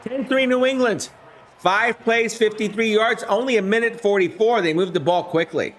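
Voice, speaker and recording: A man with a high voice, hoarse and worn down by the flu, calls a simulated video game football game play by play on a live stream at a moderate pace. He talks with his viewers and shouts whenever a big play happens.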